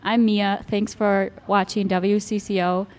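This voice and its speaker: A woman's voice: medium pitch, little pitch movement, a little slow, a little mellow. A young woman anchoring a mock newscast, reading steadily at a news desk. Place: fair news desk set. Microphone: desk mic.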